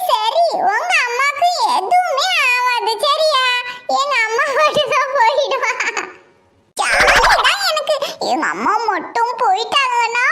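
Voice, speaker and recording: A woman's voice: very high-pitched, noisy background, exaggerated voice. A woman voicing cheeky little girls who chatter and whine. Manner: giggly, childish, whiny.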